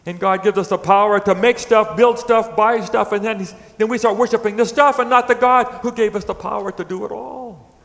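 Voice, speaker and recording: A middle-aged pastor with a high, light voice delivers a sermon, one moment pressing his point loudly, the next dropping to a near hush. His words ring out with a long reverb through a big church hall. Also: steady tone, a little fast, creaky. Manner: dynamic preaching, swinging between loud emphatic peaks and hushed low lines. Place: church sanctuary.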